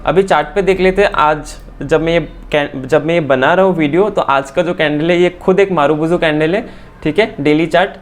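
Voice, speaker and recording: Fast-talking man teaching a chart lesson. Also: a little high. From India. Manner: fast, repeats phrases, says "theek hai" often. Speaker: stock market trading teacher.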